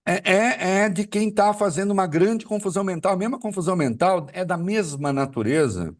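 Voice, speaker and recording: On a live show, a male political commentator argues his case with rhetorical questions and plenty of fillers. He's expressive and brisk, his pitch swinging widely, and he sounds a bit distant from the mic.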